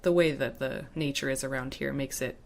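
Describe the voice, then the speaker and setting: A woman who is a podcast guest, talking in a relaxed casual chat. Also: extremely low pitch, brisk, gravelly.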